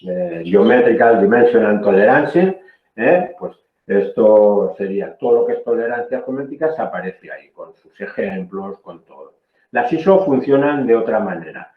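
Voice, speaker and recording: In a technical training session, a man from Spain with a lowish, animated voice explains things patiently at normal speed, frequently adding "¿eh?" and correcting himself. The room is echoey and the audio narrow and tinny.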